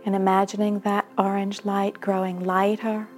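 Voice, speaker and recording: A woman narrating a guided meditation in a soft, soothing manner with long pauses between phrases. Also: medium pitch, flat delivery. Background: background music.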